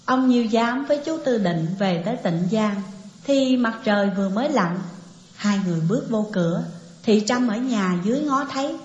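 A woman narrating a novel with steady storytelling, in an echoey, dull lo-fi recording. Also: a little high, normal speed.

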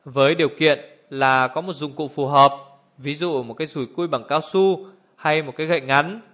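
A man's voice: fairly high pitch, normal speed, a bit bright, lightly acted. A man reading a terse, cool-headed doctor. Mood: curt. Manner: curt, unemotional. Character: sharp, self-assured male doctor. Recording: dull lo-fi recording.

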